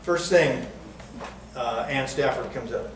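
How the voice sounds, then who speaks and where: A man's voice: mid-range voice, slow. An older man telling chatty, jokey stories to a live audience at a museum talk, raising his voice when he acts out what others said. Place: museum event room. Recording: echoey room, distant mic, noisy background.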